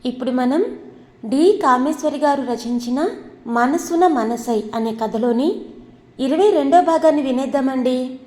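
A woman narrating an audio story in a polite, even way. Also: sits high, a little slow. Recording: long reverb.

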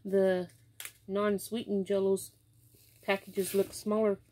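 A woman's voice: mid-range voice, level tone, slow pace, noisy background. An older woman chatting casually as she cooks in her home kitchen, rambling and thinking aloud, sometimes stepping away from the camera mic. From Kansas, USA. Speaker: home cooking vlogger. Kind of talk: casual cooking chat to camera. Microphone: built-in camera mic, moves toward and away. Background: running tap water and kitchen clatter.

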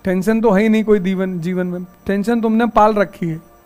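A man's voice: sits high, fairly even intonation, normal speed, a little mellow, soft background music. A man teaching a civil services exam class in a classroom, lecturing in a folksy, anecdotal way full of stories.

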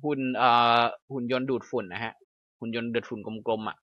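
A Thai-accented young man reads English passages aloud slowly and then explains them briskly in Thai. His tone is bright and forceful. The recording is dry and slightly dull. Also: medium pitch, steady tone, no echo. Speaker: English teacher. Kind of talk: explaining a reading lesson.

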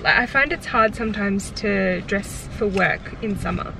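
A woman's voice: medium pitch, moderate pace, bright, forceful tone. A young woman chatting with a friend about thrifted clothes, making short, dry, playful remarks. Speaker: friend co-hosting the haul. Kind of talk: casual chat. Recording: distant mic with clear background noise.

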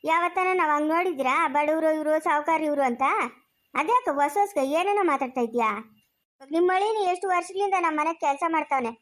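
Woman doing an old village grandmother, rural Chikkaballapur Kannada accent, scolding, quarrelsome, very high voice, quick delivery. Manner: quarrelsome, scolding, fast-talking. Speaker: skit actor. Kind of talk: comic village family skit.

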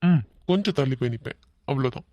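A performer voicing an easygoing, teasing young man in a cartoon, with a Kanyakumari Tamil accent and a soft, coaxing way of talking. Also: mid-range voice, lively intonation, fast talker, no room sound, lightly acted. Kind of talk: cartoon voice acting.

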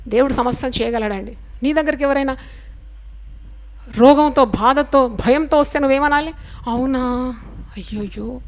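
A woman preaches with a high, bright-sitting voice, throwing questions to her congregation and answering them herself. Her delivery is fervent and full of repeated praise and hallelujahs. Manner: call-and-response questions to the congregation. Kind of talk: sermon.

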